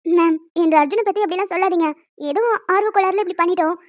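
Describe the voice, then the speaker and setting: A woman voicing a defensive young female college student in an animated story. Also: very high-pitched, quick pace, muffled recording. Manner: pleading, defensive.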